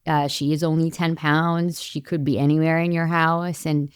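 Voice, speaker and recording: Low-voiced woman hosting a relaxed chat. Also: clear, resonant tone, dry recording, clean studio sound. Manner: relaxed, asks playful quick-fire questions. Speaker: podcast host. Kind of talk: casual interview chat. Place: home studio.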